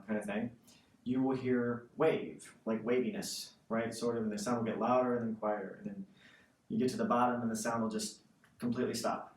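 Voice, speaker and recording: A man's mid-pitched voice comes from a little way off in a roomy space, with faint noise. He explains a practice exercise like a music teacher, in a casual, conversational way, checking in as he goes. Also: far from the mic. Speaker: woodwind instrument teacher.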